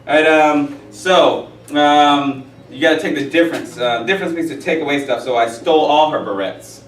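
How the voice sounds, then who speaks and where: A man's voice: on the high side, normal speed. A man in his forties teaching a math class, rambling and joking with stories between the steps. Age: 40s. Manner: rambling, jokey, with asides and stories. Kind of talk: classroom lecture. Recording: echoey room, from far off.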